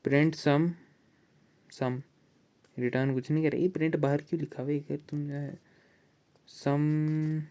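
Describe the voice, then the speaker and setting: A man's voice: fairly high pitch, little pitch movement, warm tone. Young man tutoring a friend, casual. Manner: chatty, teasing, switches into slow halting reading of English text. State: sore throat, tired. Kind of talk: casual study session.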